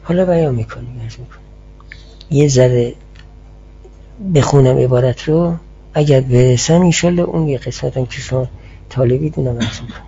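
A man's voice: mid-range voice, pauses often, warm tone, husky. A man teaching a class on philosophy and theology, explaining step by step and answering students' questions. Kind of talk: classroom lecture. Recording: muffled lo-fi class recording.

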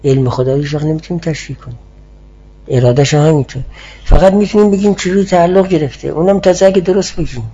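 A man with a fairly high, mellow, husky voice teaches a philosophy and theology class, walking through ideas step by step and taking students' questions. It's a classroom lecture captured as a muffled, lo-fi recording.

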